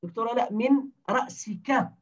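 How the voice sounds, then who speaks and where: A man's voice: extremely high pitch, normal speed. A man teaching a grammar class, explaining step by step and quizzing his students with questions. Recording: distant dull lo-fi recording.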